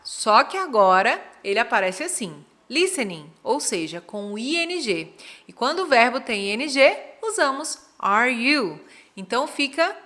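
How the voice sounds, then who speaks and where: Lively bright-voiced woman teaching English. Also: fairly high pitch. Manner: slow, careful model pronunciations. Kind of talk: scripted English lesson.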